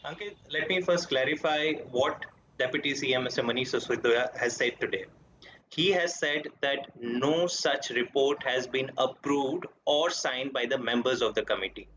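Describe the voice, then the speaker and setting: A man's voice: mid-range voice, moderate pace, a bit bright. A man with an Indian accent arguing assertively as a party spokesperson in a political TV debate. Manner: assertive, argumentative. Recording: dull noisy remote feed.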